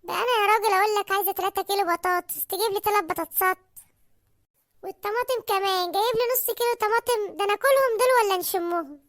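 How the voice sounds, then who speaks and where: A very high, squeaky cartoon housewife, played by a woman scolds her husband in rapid Egyptian Arabic. She is sharp-tongued and teasing, firing off quick sarcastic retorts at a brisk clip. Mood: scolding. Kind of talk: cartoon comedy voice acting.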